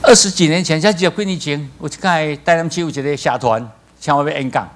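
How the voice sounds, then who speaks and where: A male pastor with a Taiwanese accent preaching a sermon, telling stories with lively acted-out voices. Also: on the high side, brisk. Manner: animated storytelling, acts out voices, laughs.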